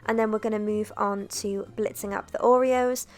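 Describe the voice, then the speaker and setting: A woman's voice: mid-range voice, normal speed. Chatty young woman narrating a recipe. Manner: chatty, self-deprecating, relaxed. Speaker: cooking vlogger.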